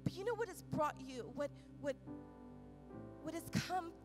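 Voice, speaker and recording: A woman pastor preaching a sermon with impassioned delivery, moving from loud urgent peaks to quiet soft passages and often repeating phrases. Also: sits high, animated, a little slow, over music. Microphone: microphone.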